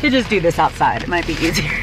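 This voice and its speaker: A woman's voice: fairly low pitch, very animated, fairly quick, background noise. A young woman vlogging to a dashboard camera inside her parked car, chatting and rambling as she explains each step. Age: young adult. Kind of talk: casual vlog talk to camera.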